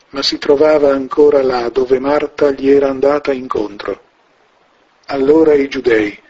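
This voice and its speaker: Slow, husky male scripture reader. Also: mid-range voice, highs cut off. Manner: slow, measured, solemn. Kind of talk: solemn scripture reading.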